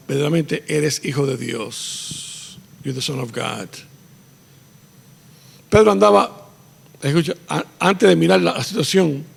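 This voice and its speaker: Gravelly, husky man preaching in a church. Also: a little high, big-room sound. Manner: preaching with rising emphasis, switching between Spanish and English. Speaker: pastor. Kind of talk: bilingual sermon. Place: church sanctuary.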